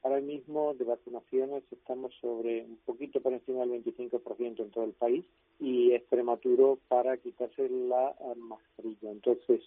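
A male doctor explains things in a flat, even voice over a narrow phone line. His delivery is measured and methodical. The sound is dry and tinny. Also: medium pitch, no echo. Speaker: doctor and author. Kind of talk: radio phone interview.

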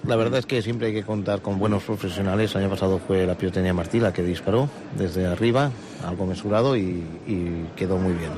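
A man's voice: deep voice, fairly even intonation, fairly quick, hardly any pauses, a crowd in the background. A man with an accent from Spain answering as a club spokesman in a live radio interview, in formal wording with some hesitations. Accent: Spanish, from Spain. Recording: noisy outdoor urban setting with traffic. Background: street and vehicle noise.

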